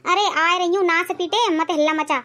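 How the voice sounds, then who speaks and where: A woman's voice: very high voice, steady tone, moderate pace. A woman voicing a fussy, doting old village grandmother in a cartoon. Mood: fussing. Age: older. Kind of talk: cartoon dialogue.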